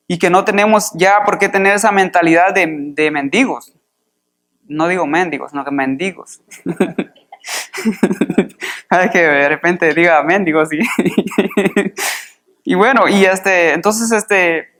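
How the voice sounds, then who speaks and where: A man's voice: high voice, fairly bright tone. Conversational male preacher. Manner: conversational, fills pauses with "este" and repeats "dice" while reading. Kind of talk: sermon, reading and explaining scripture. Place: church.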